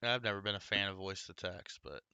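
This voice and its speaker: A man's voice: deep voice, a little fast, vocal fry, pushed and bright, smooth, dry recording, muffled recording. A man hosting a coin-hunting livestream, chatting casually and greeting viewers by name as he works through rolls. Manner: chatty, talks to viewers by name while working.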